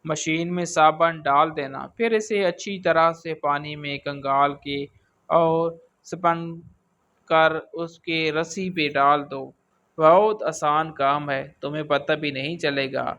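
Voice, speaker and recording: A man's voice: a little high, steady tone, bright, forceful tone, muffled recording. A man voicing a domineering young woman, a scheming sister-in-law in a storybook reading. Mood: bossy. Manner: domineering, scolding.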